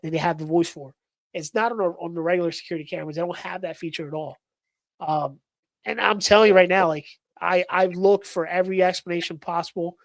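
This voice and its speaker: A man, a paranormal investigator, telling a spooky story in casual live-stream chat, excitable and full of fillers. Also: sits high, no echo, rough recording.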